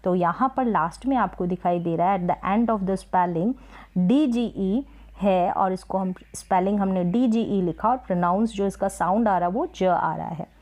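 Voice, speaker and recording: A woman teaching English spelling rules, patiently repeating example words slowly for practice. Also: medium pitch, darkish tone. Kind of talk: Hindi-language spelling lesson.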